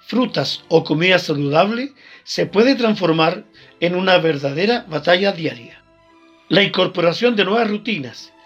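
Husky high-voiced male narrator. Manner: even, informative reading. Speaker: teacher giving health tips. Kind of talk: scripted voice-over narration. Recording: dull lo-fi sound with faint music.

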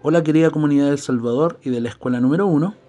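Chilean guy in his 30s, teacher, fond school memories, slightly high voice, faint music. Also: racing. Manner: warm, fond reminiscing. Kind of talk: recorded testimonial.

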